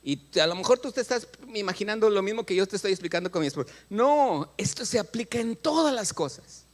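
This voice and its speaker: Animated Mexican pastor, high lively voice. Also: male voice, fast talker. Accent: Mexican Spanish. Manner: animated, acts out prayers and dialogues, asks the congregation questions. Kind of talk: sermon. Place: church.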